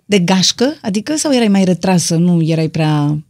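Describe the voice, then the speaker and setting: A woman from Romania hosting a casual podcast, chatty and firing off quick follow-up questions. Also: on the low side, animated, darkish tone. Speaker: host.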